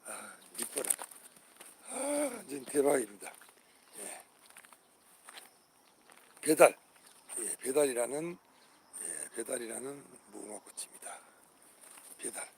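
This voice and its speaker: Calling out flower after flower, repeating each name with delight, a channel host in his later years leads viewers through an outdoor garden and urges them on with warm patriotic calls. He speaks slowly at a medium pitch, his voice creaky and somewhat mellow, broken by long pauses. Faint background noise is present.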